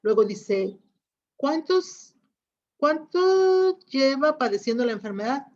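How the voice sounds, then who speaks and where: A fairly high-voiced woman teacher gives an online class lecture. She explains patiently, often pausing to check that her students follow. The audio is dull and lo-fi. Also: sing-song, darkish tone. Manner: explains patiently, checks understanding with frequent questions.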